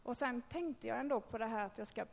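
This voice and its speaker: Woman, gravelly voice, fairly high pitch, candid personal testimony, long hall reverb. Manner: candid, conversational storytelling with hesitations. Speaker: speaker telling a personal faith story.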